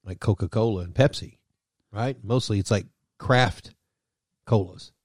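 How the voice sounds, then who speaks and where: A man's voice: lowish voice, a little slow, darkish tone, dry recording. A man co-hosting a casual podcast chat, dropping dry, wry asides. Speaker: podcast co-host.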